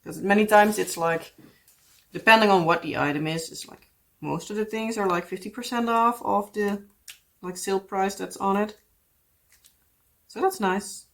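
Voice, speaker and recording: A native Dutch speaker with a Dutch accent chats casually as a craft vlogger, her voice medium-pitched and her speed normal. She pauses often and rambles, filling her talk with "like" and "yeah."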